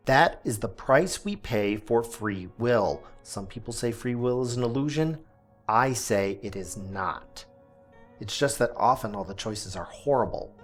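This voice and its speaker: A man with a fairly low voice plays an earnest small-town radio host, reading a scripted monologue deliberately, with dramatic pauses and emphasis.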